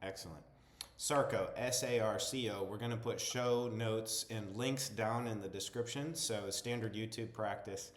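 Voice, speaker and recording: A man with a lowish voice hosts a coffee interview show, speaking unhurriedly in an upbeat, welcoming way as he introduces his guest and the coffees. The recording sounds roomy and echoey.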